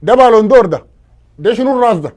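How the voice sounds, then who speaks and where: A man with a Sudanese Arabic accent playing the suitor's father, a brash, loud guest who trades insults in a comedy sketch. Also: extremely high pitch, expressive, rapid-fire. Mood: mocking.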